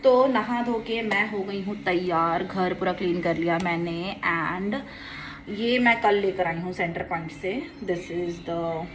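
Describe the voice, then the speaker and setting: A young woman, a mother, chatting casually in a home vlog and coaxing her toddler in a soft sing-song way. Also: on the low side, takes it slowly, noisy background. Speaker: mother and vlogger. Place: at home indoors.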